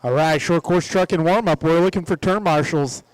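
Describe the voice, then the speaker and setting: High-pitched man calling RC races. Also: moderate pace, clean tone, no echo, rough recording. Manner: casual, joking between calls. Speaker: race announcer. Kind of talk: live race commentary. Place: outdoor RC track.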